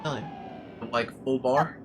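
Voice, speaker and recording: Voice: medium pitch, takes it slowly. A video game streamer giving casual, playful gameplay commentary peppered with swearing. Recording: loud game music behind.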